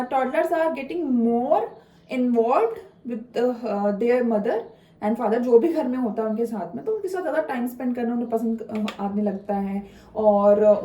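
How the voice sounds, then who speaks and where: A high-voiced Indian woman talks casually through a home vlog as a mother, slipping English words in among many fillers. Her tone is mellow and unhurried. She sounds a little far from the mic in an echoey room. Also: a little hiss or hum. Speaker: mother vlogger.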